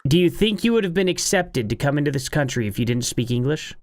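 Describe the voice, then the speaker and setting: A man's voice: a little high, expressive, fast, crowd noise. A man pressing a stranger with pointed questions in a casual debate over a video call. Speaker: online troll host.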